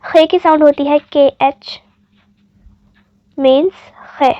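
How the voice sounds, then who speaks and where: Slow, high-voiced woman teaching letters. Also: steady tone, no room sound, muffled recording. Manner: spells out letters one by one, patient and deliberate. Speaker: Urdu teacher. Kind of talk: slow alphabet lesson.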